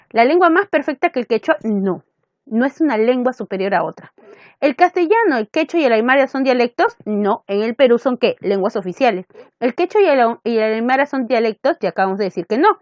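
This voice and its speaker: A woman's voice: fairly high pitch, lively intonation, a little fast, a little mellow, no echo, muffled recording. A woman teacher with a Peruvian accent giving a recorded lesson, asking questions and answering them herself. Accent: Peruvian Spanish.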